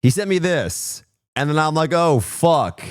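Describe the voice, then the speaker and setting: A man's voice: on the high side, moderate pace, clean tone, no echo. A worn-out, hungover man chatting casually to livestream viewers in slangy, profane, rambling, self-deprecating talk, on a close streaming microphone. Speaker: live streamer.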